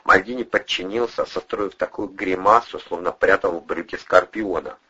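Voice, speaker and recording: A man narrating an audiobook in a steady, even storytelling manner. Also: sits low, normal speed, breathy edge, muffled recording. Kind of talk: scripted narration.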